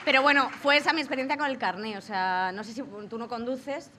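A woman's voice: fairly high pitch, a little fast, background noise. A young woman in casual chat, playful and joking, laughing often.

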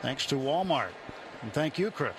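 A man calling baseball play-by-play live from a broadcast booth, speaking in measured short phrases between conversational remarks. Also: medium pitch, big pitch swings. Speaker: baseball radio play-by-play announcer. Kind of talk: live sports commentary mixed with booth interview. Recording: ballpark booth with clear outdoor background noise.

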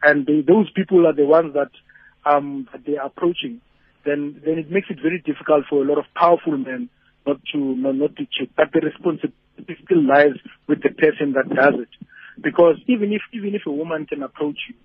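A man calling a radio phone-in, reasoning haltingly through his opinion and repeating words as he goes. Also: on the high side, slightly rough. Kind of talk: casual reflective opinion. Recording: tinny narrow phone line.

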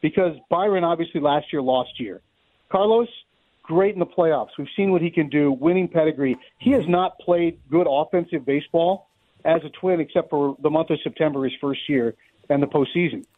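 A middle-aged man, his voice a little high and his pace moderate, guests on a radio program as a play-by-play announcer. He riffs on sports in a wry, conversational, unscripted way over a roomy, narrow-band phone line that sounds thin.

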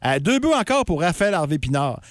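A woman's voice: sits low, big pitch swings, dry recording. A woman with a Quebec French accent, a morning radio co-host giving a chatty sports report with frequent fillers, speaking into a studio microphone. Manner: brisk, chatty, stumbles with fillers.

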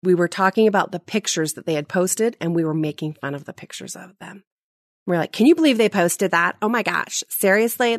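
A woman's voice: low-pitched, dry recording, clean studio sound. A woman in her forties, a podcast guest telling stories in casual chat, laughing at herself. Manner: animated, self-mocking storyteller who laughs at herself.

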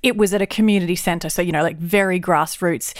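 Lively Australian woman telling stories. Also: fairly low pitch, fast, no echo, clean studio sound. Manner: lively storyteller, laughs often. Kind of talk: casual chat.

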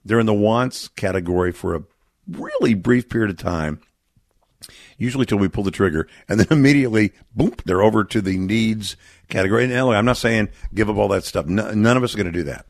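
Speaking a little fast, a gravelly, low-voiced middle-aged man from Texas is a charity representative guest on a radio interview. He comes across as earnest and reflective, recorded in a dry, close studio with no echo.

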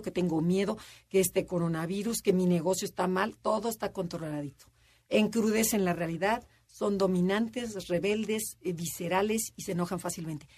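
A woman's voice: a little mellow, husky. A woman co-hosting a casual radio talk show, chatty and explaining with examples. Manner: chatty, acts out quotes in a high voice. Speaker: radio co-host.

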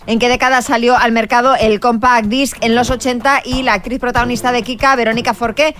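A woman's voice: a little high, steady tone, a little fast, fairly bright tone, slight background noise. A woman from Galicia co-hosting a morning radio show, recapping quiz answers plainly. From Galicia, Spain. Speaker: radio co-host. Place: radio studio.

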